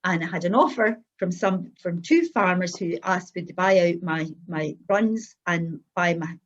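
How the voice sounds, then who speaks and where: A middle-aged or older Scottish woman giving an unscripted personal testimony as a guest, speaking in an earnest, halting, anecdotal way. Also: on the low side, lo-fi sound.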